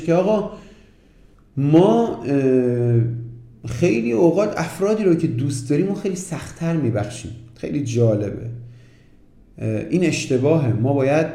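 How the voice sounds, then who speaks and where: A man's voice: high-pitched, mellow. A man giving an earnest, emphatic motivational talk as a relationship coach, repeating key phrases and speaking straight to the listener. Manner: addresses the listener directly. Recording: roomy echo.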